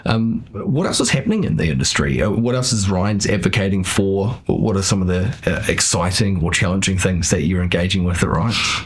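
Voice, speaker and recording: A man's voice: low-pitched, animated, a little fast, breathy edge. A man hosting a casual podcast interview, speaking informally and somewhat hesitantly. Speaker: podcast host.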